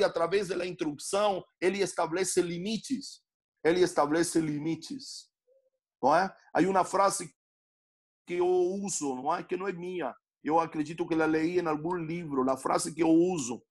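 A middle-aged man, preaching a sermon in a teaching manner and often checking in with the listener. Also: fairly high pitch. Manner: teaching, frequent tag questions to the listener. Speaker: pastor.

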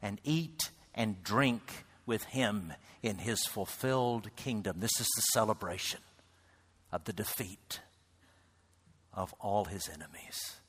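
A man preaching a sermon to a congregation, swinging between loud calls and near-whispered lines. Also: lowish voice, slow, slightly rough. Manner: builds to loud shouts, then drops to a hush. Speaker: pastor. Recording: reverberant hall.

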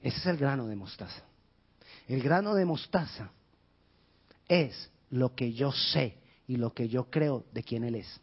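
A male pastor preaching a sermon with passion, rising to shouts and dropping to near whispers. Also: animated, a little slow, long pauses, slightly rough. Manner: impassioned, shouting in bursts then dropping low. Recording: dull lo-fi sound.

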